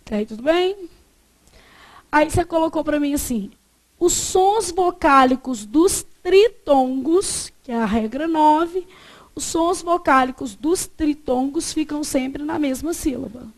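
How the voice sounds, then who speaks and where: A woman's voice: sits high, measured pace. A woman with a Brazilian accent teaching a grammar class, asking the students to fill in words and repeating the answers. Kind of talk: classroom lecture.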